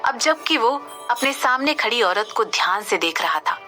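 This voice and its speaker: A woman's voice: fairly high pitch, sing-song, moderate pace, pushed and bright. Woman narrating a romance audio story over music. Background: background music.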